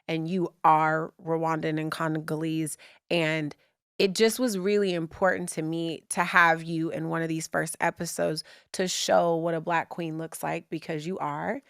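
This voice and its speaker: Gushing, excitable woman podcast host. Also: deep voice, measured pace, vocal fry, smooth, no echo, studio quality. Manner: gushing, excitable, many fillers. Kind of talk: casual interview chat.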